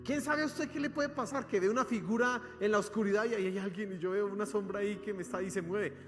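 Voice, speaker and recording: A Colombian pastor with a high voice preaches with lively drama, acting out voices and questioning his listeners. His voice rings with a long hall reverb, and soft instrumental music plays underneath. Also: fast. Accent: Colombian Spanish. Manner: animated preaching, acting out cries and questions to the congregation. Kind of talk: sermon. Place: church hall.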